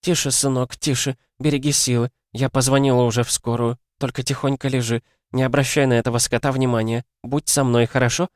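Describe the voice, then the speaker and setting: A man voicing a grieving mother who screams and sobs in a shrill, raised voice. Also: level tone, fairly quick, hardly any pauses, dry recording, studio quality, close to an everyday voice. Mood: tender, soothing. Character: hysterical grieving mother, shrieking and sobbing.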